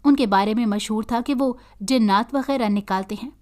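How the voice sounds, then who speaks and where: A woman's voice: a little high, moderate pace, natural voice. A woman voicing an anxious young husband haunted by a jinn, in a read-aloud storybook.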